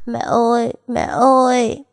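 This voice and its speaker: A woman's voice: lowish voice, normal speed, a little mellow, no room sound, clean studio sound, voice pushed up, lightly acted. A woman voicing a young boy who pleads tearfully with his sick mother. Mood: sobbing plea.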